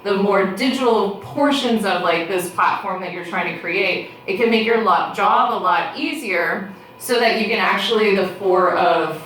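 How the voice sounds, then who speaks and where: A woman's voice: mid-range voice, normal speed, fairly bright tone. A woman speaking as a fortune teller, giving a casual, unscripted tarot reading straight to the listener and thinking aloud as she goes. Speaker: tarot card reader. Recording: echoey room, distant mic, background noise.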